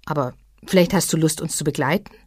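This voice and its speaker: Woman doing a calm caring mother troll. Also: low voice, fast talker, breathy edge, dry recording, clean studio sound. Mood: soothing. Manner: soothing and motherly.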